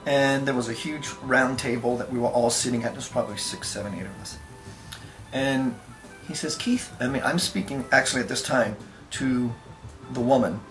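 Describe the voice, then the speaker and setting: A man's voice: mid-range voice, normal speed, a bit bright, roomy sound, faint music behind. A man earnestly telling a first-person story, with emphatic conviction.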